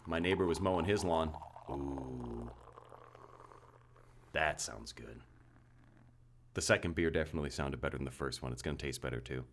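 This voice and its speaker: Deep-voiced man telling rambling stories. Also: steady tone, racing, few pauses, slight background noise. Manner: rambling storyteller, many fillers and restarts. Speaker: podcast co-host. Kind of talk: casual chat.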